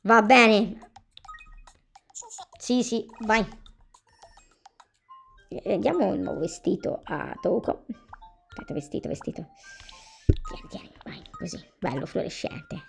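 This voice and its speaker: Woman, gravelly texture, chatty game commentary over faint music. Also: mid-range voice, big pitch swings, takes it slowly, long pauses. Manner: chatty, talks to game characters and viewers. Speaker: gameplay commentator. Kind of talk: casual gameplay commentary.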